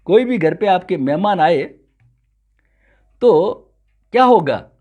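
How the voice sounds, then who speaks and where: Yoga teacher from Rajasthan, male, animated lecturer with a lively pitch who recites scripture. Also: slow, narrow, tinny audio. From Rajasthan, India. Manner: animated, recites Sanskrit verses. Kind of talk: spiritual lecture.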